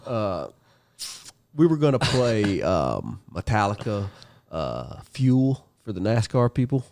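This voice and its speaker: A man's voice: fairly low pitch, slow, creaky. Swearing man telling wild stories. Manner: animated, swearing, laughing storyteller. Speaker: podcast guest. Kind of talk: casual profane storytelling.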